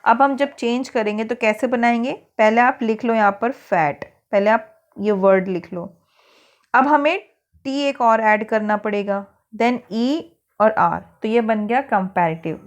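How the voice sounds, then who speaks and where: A woman's voice: on the high side, unhurried, highs cut off. Indian woman teaching English grammar patiently. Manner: patient, spells words out letter by letter. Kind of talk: worksheet lesson for schoolchildren.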